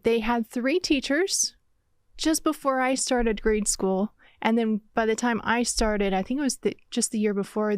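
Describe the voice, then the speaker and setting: A woman's voice: mid-range voice, clear, resonant tone, dry recording. Thoughtful woman guest from Vermont. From Vermont, USA. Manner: thoughtful, explains in detail. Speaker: interview guest, church mission director. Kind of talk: conversational interview.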